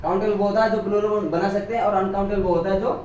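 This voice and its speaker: A man's voice: high voice, fairly even intonation, fast talker, a little mellow, dull audio, slight background noise. A man teaching English grammar, who keeps asking questions and answering them himself. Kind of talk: classroom lecture. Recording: very echoey room, voice from a distance.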